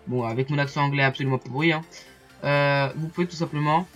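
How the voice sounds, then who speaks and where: A man's voice: fairly high pitch, steady tone, brisk, fairly bright tone, soft background music. A man walking viewers through a photo-editing site in a casual screen-recorded tutorial, chatty and hesitant, full of fillers and asides. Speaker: YouTuber explaining software.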